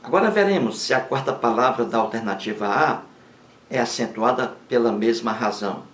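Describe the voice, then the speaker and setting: A man teaching grammar in a slow, deliberate lesson, repeating words for emphasis. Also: medium pitch, a bit bright, roomy sound.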